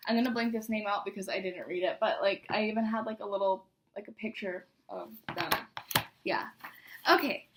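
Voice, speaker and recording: A woman's voice: on the high side, a bit bright. A young woman chatting casually to viewers as she reads aloud from an old diary, embarrassed and poking fun at herself. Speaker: vlogger.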